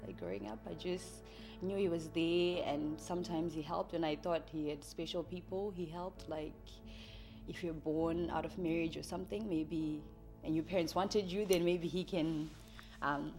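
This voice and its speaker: A woman in her early thirties, Zimbabwean-accented and a native Shona speaker, shares her life story as a church member in a hesitant, reflective manner. Her voice is on the low side with fairly even intonation, normal speed, and vocal fry, set against background music.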